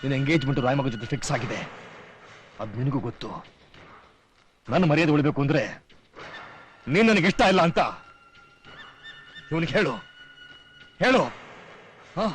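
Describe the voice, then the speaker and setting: An actor playing a stern elder brother and head of the family, commanding and lecturing in a film drama. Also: male voice, fairly high pitch, normal speed, pauses often, natural voice.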